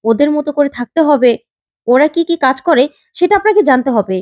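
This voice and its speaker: A woman's voice: high voice, expressive, fairly quick, a little mellow, no room sound, clean studio sound. Woman reading as a defiant young working woman. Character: bold young woman worker, defiant and firm.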